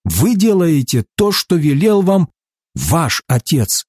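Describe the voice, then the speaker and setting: A man reading the words of a calm, earnest male teacher in a solemn, emphatic way. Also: on the high side, slow, husky, dry recording, studio quality, pitched above the performer's own voice, exaggerated voice.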